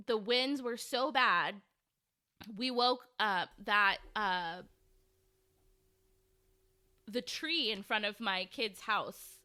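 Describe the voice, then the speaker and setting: A woman co-hosting a podcast in casual, slangy banter, with a halting, giggly way of talking. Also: mid-range voice, pushed and bright. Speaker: podcast co-host.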